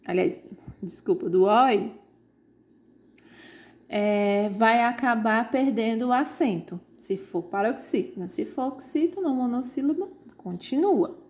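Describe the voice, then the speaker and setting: A woman teaching an online grammar lesson, explaining slowly and pointing out examples on screen. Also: on the high side, expressive, a little mellow.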